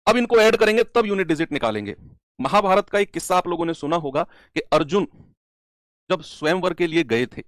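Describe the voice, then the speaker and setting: Lively Indian maths teacher, dry sound. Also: male voice, on the high side, brisk, no echo. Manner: lively, repeats key terms, talks directly to students. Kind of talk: classroom math lecture. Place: classroom.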